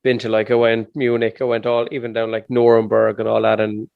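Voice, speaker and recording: Irish male host, thirties, gravelly, colloquial, on a dry, slightly dull recording. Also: lowish voice, completely flat delivery, brisk, no echo. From Ireland. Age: 30s. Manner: sweary, colloquial. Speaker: podcast host. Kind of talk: casual chat.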